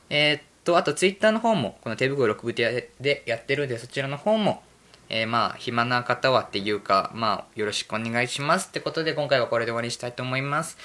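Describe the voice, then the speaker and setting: A man's voice: medium pitch, bright, forceful tone. Rambling self-mocking male podcaster. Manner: rambling, self-mocking, drifts between topics. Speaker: podcast host. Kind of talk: casual solo podcast chat.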